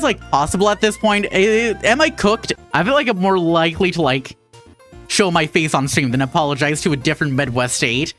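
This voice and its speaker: A woman from Minnesota with a Minnesotan accent, chatting irreverently with her chat while sewing on a livestream. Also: low-pitched. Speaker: VTuber streamer. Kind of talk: casual craft livestream chat.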